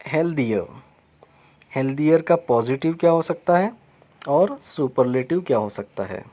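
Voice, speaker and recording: A man's voice: fairly high pitch, expressive, a little slow, dark tone. A male school teacher with an Indian English accent, explaining grammar patiently and repeating key words. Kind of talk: recorded grammar lesson over slides.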